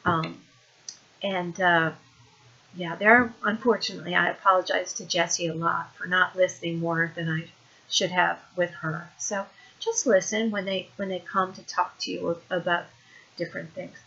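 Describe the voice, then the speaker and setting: Woman, 40s, casual parenting advice, bright tone, frequent ums, dull lo-fi recording. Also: fairly low pitch, steady tone, moderate pace, vocal fry, breathy edge. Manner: conversational, with frequent ums and restarts. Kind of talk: casual advice talk to camera.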